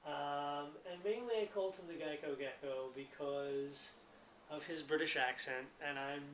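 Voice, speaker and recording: A man's voice: on the high side, normal speed, fairly bright tone, roomy sound, a little hiss or hum. An American man in his thirties chatting casually to the camera in a rambling, talkative way. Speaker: vlogger.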